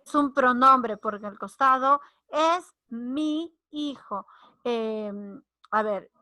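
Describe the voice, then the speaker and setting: A woman's voice: a little high, takes it slowly, sharp tone, dry recording. A woman teacher, explaining grammar and acting out short example lines. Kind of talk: online grammar lesson.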